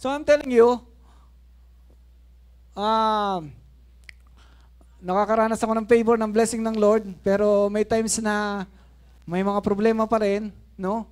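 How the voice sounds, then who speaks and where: A man in his fifties preaching with a high, light voice. He tells stories in an animated way, dropping to a soft murmur and then rising to a shout, with laughing asides along the way. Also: slow pace, pauses often, smooth. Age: 50s. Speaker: pastor. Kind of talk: Taglish sermon storytelling.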